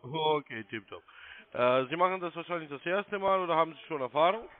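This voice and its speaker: Over a thin telephone line, a male call-centre agent in his thirties politely explains each step and spells things out in a formal manner. His voice is fairly high and a little fast.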